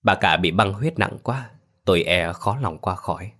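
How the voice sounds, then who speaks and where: A man's voice: low-pitched, normal speed, fairly bright tone. A man doing a somber village healer. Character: grave village herbal doctor, man.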